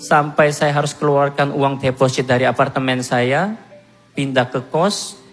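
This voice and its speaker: A man from Korea giving a personal testimony to a church congregation, telling his story in an animated, self-mocking way. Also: medium pitch, unhurried, big-room sound, soft background music. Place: church hall.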